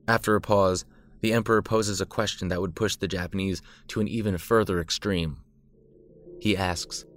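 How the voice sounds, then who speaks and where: Male narrator, scripted history, dramatic, irreverent asides, deep voice. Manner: dramatic yet irreverent storytelling.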